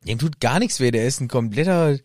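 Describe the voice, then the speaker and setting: A man's voice: medium pitch, expressive, fairly quick, a little mellow, dry recording, clean studio sound. A man co-hosting a casual book podcast, joking and teasing his co-host.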